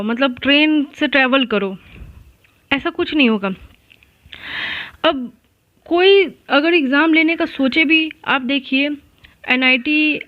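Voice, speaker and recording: A woman's voice: sits high, dry recording, lo-fi sound. A woman educator talking casually and reassuringly to exam students, often restarting and correcting herself mid-sentence. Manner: reassuring, chatty, frequent restarts and self-corrections. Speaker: online exam-prep educator. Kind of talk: casual advice talk to students.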